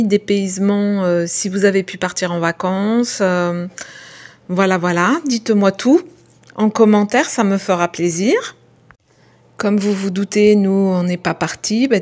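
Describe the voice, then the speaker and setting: A woman chatting through a crafting voice-over, friendly and hesitant, often pausing on filler sounds as she talks to her viewers. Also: mid-range voice, a little mellow. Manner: friendly, addresses viewers directly. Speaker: craft video creator.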